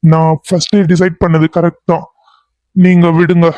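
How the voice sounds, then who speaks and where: A man's voice: on the high side, little pitch movement, normal speed, a little mellow, dry recording, natural voice. A man voicing a weary young man who feels misunderstood and talks in a brooding, resigned way, in a cartoon serial. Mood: bitter. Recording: dull lo-fi recording.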